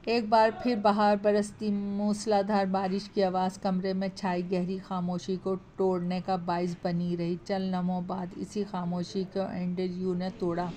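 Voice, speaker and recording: Woman narrating a horror story, even and mellow. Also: mid-range voice, unhurried, few pauses.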